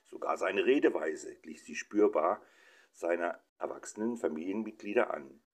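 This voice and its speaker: A man narrating a humorous short story in a dry, measured reading style. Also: low-pitched, expressive, slightly rough.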